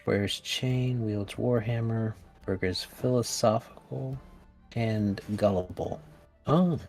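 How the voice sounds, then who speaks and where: A man's voice: lowish voice, takes it slowly, darkish tone, faint music behind. A man co-hosting a livestream and brainstorming a tabletop adventure in casual chat, with a wry, joking manner. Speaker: game designer co-host.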